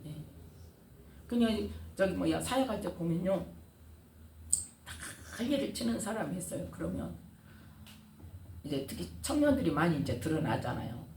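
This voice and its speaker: A woman's voice: on the low side, normal speed, pauses often. A woman pastor preaching a sermon, engaging the congregation with frequent questions and answers. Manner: animated preaching with call-and-response questions. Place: church sanctuary. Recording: roomy echo, distant mic, faint room noise.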